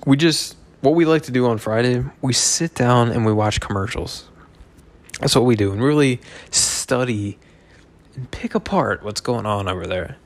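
A man's voice: mid-range voice, moderate pace. A man in his thirties, a little drunk, rambling through a loose, joking monologue full of swearing. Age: 30s. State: tipsy.

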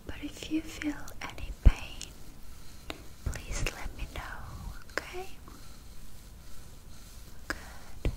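A woman doing a whispered role-play as a dental hygienist, speaking in a gentle, reassuring, soothing manner to a patient. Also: drawn-out words, long pauses, poor audio.

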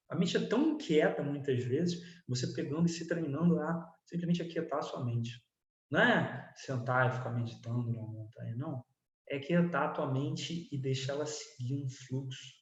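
A man with a Brazilian Portuguese accent and a rather high voice talks through a self-esteem lesson off the cuff, speaking directly to his viewers. His earnest explanations come through a live-stream setup and bounce around an echoey room. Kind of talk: unscripted live-stream lecture. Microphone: computer setup, live stream.

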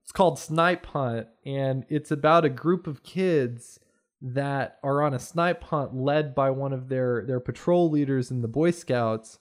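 A young man chatting casually on a podcast, telling stories in a rambling, animated way. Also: medium pitch, unhurried. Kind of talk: casual chat.

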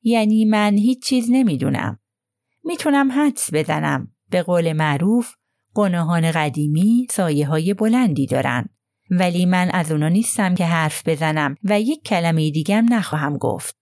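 A woman's voice: on the low side, expressive, darkish tone, dry recording, clean studio sound. A woman voicing a gossipy middle-aged nurse who talks in a hesitant, confiding way.

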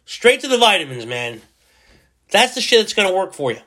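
A man's voice: sits high, sing-song, fairly quick, pushed and bright. A man in his forties hosting a solo podcast, rambling and self-mocking as he jokes his way through his thoughts. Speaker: podcast host.

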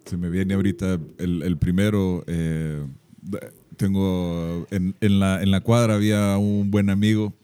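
A man's voice: low voice, flat delivery, a little slow, dark tone, smooth. A man with a Honduran accent telling a story in a casual chat, dropping in English words and repeating himself. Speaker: podcast co-host.

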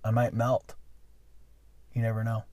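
A man's voice: medium pitch, completely flat delivery, a little slow, a little mellow, no echo. A man, a school bus driver, telling a story in a casual, rambling monologue full of restarts and self-corrections.

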